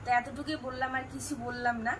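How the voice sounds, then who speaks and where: A woman's voice: high-pitched, little pitch movement, fast. A middle-aged woman with a Rajbanshi Bengali accent, chatting to her viewers and animatedly retelling family conversations. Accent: Rajbanshi Bengali of North Bengal. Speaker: family vlogger. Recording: distant mic with loud room noise.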